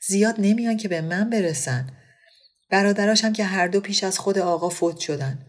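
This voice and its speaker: A woman's voice: medium pitch, pitched above the performer's own voice, natural voice. A woman reading the part of a sullen, resentful widowed aristocratic woman who speaks curtly and sighs over her lot. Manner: curt, resentful, sighing.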